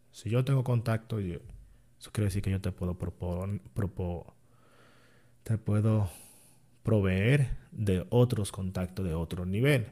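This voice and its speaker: A man's voice: fairly low pitch, creaky, mellow. A man, an online seller talking to his channel in a casual, rambling way that often stops to correct himself. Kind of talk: casual vlog monologue.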